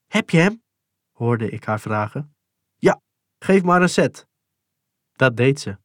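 A man calmly reading a first-person memoir in a measured, sober way. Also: medium pitch, no room sound, studio quality. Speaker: narrator. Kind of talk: scripted memoir narration.

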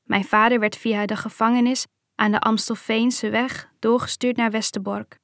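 A woman reading a first-person memoir aloud in a calm, measured way. Her voice sits a little high, and the recording is dry and close, with no room sound. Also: no echo.

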